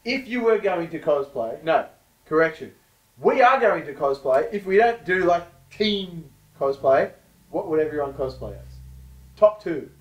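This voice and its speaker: A man's voice: on the high side, animated, measured pace, distant mic. A man hosting a podcast, joking and swearing freely in casual banter. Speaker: podcast host. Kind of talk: casual banter among friends. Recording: echoey room.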